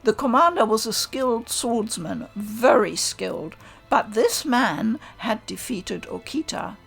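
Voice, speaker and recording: A woman calmly reading a visual novel aloud in the first person. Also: on the high side, a little slow, creaky, faint music behind. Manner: calm, first-person storytelling. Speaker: narrator.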